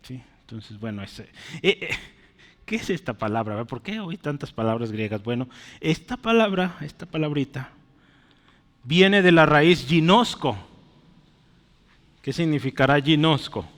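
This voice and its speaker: A man preaching a sermon, explaining words slowly as he writes them on a board and often checking in with his listeners. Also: on the high side, lively intonation, a bit bright. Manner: asks "¿verdad?" and "¿sí?" often. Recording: long hall reverb.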